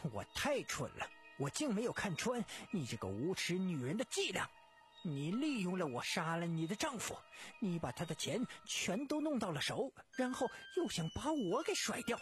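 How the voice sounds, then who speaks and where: A storyteller voicing a bitter, desperate young male scholar in a lowered, accusing voice. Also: sing-song, moderate pace, faint music behind, close to an everyday voice. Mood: furious. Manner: low, anguished, accusing.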